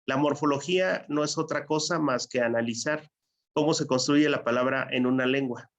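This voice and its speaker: A man's voice: mid-range voice, moderate pace. A Purépecha-speaking man, lecturing a class in an explanatory way and checking with students as he goes. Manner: explanatory, asks the class to follow. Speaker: teacher.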